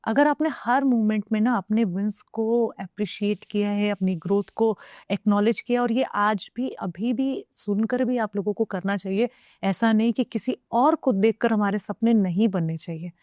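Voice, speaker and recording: A woman's voice: medium pitch, moderate pace, a little mellow, dry recording. A young woman from Uttar Pradesh, India, speaking as a guest in a casual conversation. She is reflective and moves between Hindi and English as she talks.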